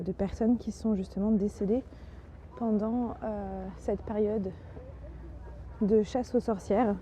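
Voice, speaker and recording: A woman's voice: a little high, dark tone. A woman narrating a casual travel vlog in a chatty, enthusiastic way, with many fillers. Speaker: travel vlogger.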